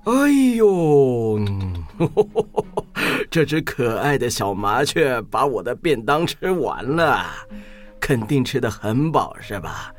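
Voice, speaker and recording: An actor playing a kindly, absent-minded old woodcutter in a children's story, with a chuckling, folksy manner. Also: male voice, medium pitch, very animated, takes it slowly, a little hiss or hum. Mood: jolly.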